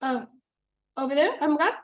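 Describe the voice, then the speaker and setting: A woman's voice: sits high, lively intonation. A woman winemaker with a Chilean Spanish accent, speaking on a video call whose internet audio keeps cutting out and repeating words. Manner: halting, with many fillers and restarts. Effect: choppy, cutting-out internet audio with repeated words. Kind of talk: presenting a wine at an online tasting.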